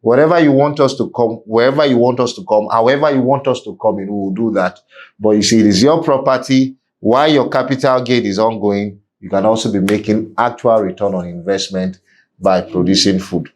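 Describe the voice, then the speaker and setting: A man's voice: fairly low pitch, fairly quick, darkish tone. A man with a Nigerian accent speaking as an interview guest, making his points emphatically with parables and rhetorical questions, like someone preaching. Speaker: podcast guest, real estate business executive. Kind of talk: conversational interview with opinionated advice.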